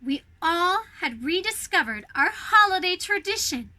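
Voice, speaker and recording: Taking on the part of a snow queen, a woman reads a storybook aloud to children, addressing them directly with lots of expression. She speaks at a measured pace in a very high-pitched voice.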